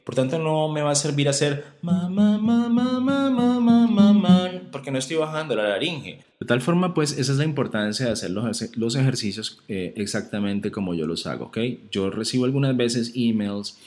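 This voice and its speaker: A man's voice: medium pitch, a little fast, hardly any pauses, faint music behind. A man giving a singing lesson, explaining vocal exercises step by step, checking in with frequent tag questions and breaking into short sung demonstrations. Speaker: singing teacher.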